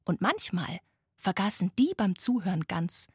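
A woman narrating a children's bedtime story in a gentle, expressive, often hushed way, with a breathy voice. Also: mid-range voice, a little slow, dry recording, studio quality.

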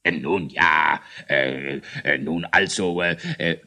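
A man's voice: rumbling low, steady tone, slow pace, pushed and bright, voice pushed down, full character voice. A man voicing an old dwarf king who grumbles and hesitates. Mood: doubtful.

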